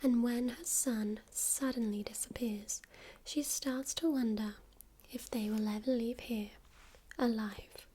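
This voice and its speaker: A woman in a whispered role-play as a friendly librarian, speaking in a hushed, gentle library whisper close to the microphone. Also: a little high, fairly even intonation, slow pace, breathy edge, poor audio. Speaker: friendly librarian recommending books.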